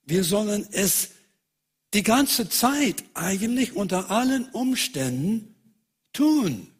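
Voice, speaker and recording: Husky guy preaching slowly, lots of ähs, gets louder on bible quotes. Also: very animated. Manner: hesitant, many fillers and restarts; raises pitch and volume on emphasized quotes. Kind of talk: sermon.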